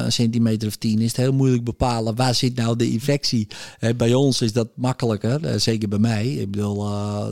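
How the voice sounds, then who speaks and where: A man in his forties tells candidly of his past addiction, halting and full of fillers. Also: mid-range voice, vocal fry, darkish tone, no echo, studio quality. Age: 40s. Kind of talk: personal story about recovering from addiction.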